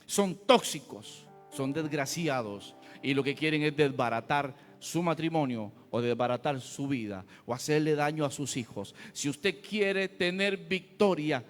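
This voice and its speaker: A man preaching a fiery, folksy sermon with a high, ringing voice. His words trail off in the long reverb of a church hall, with soft music playing behind him. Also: a little slow, few pauses. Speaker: pastor.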